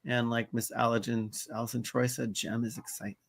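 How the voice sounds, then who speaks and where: Male co-host, mid pitch, relaxed and conversational, dry close recording. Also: brisk, creaky, dry recording. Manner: easygoing, reads out live chat comments. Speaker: podcast co-host. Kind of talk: casual chat.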